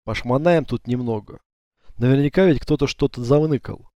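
A man's voice: mid-range voice, moderate pace, mellow, dry recording, natural voice. A man voicing an eager, simple male companion in an audiobook. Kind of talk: audiobook character voice.

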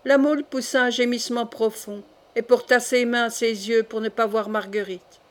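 Woman narrating a classic novel, fairly high voice. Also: steady tone, normal speed. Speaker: audiobook narrator.

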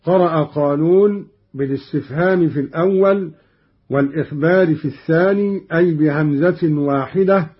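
A man giving a formal explanation of reading variants on the radio, in a measured way that slows down to intone each quoted verse. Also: fairly high pitch, breathy edge. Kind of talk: formal explanation with chanted examples. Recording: dull lo-fi archive radio recording.

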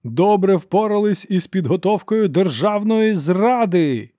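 A man voicing a suave, scheming older inquisitor in an audiobook, with a measured, melodious voice and a theatrical manner. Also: a little high, no room sound, clean studio sound, pitched above the performer's own voice, close to an everyday voice. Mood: furious. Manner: smooth, theatrical, turns to shouting accusations. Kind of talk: audiobook character voice.

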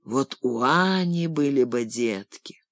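Old grandfather, sentimental and grumbling, folksy and gruff, played by a narrator, storybook reading, dry sound. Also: mid-range voice, expressive, slow, dry recording. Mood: gloomy. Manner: fond, gruff folksy talk. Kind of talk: audiobook character reading.

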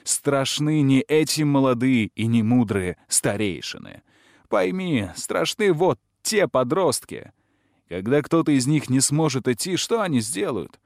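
A man's voice: mid-range voice, lively intonation, a little slow, a little mellow, no room sound, studio quality. A man reading an audiobook aloud, narrating and voicing the characters' dialogue, rising sharply when the dialogue gets heated.

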